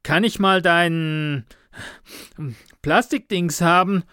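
A man's voice: a little high, expressive, a little slow, fairly bright tone, no room sound, voice pushed up. A young man gasps for air between words, raised and strained above the narrator's usual voice. He sounds shaken and haunted, an asthmatic pushing himself too hard, as a male narrator acts him out in a read-aloud story. The delivery is close and dry, with no room around it. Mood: breathless. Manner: panting, gasping between words.

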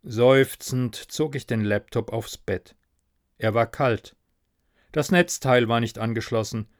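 A man's voice: medium pitch, takes it slowly, no room sound. A man narrating a story in a dry, wry tone.

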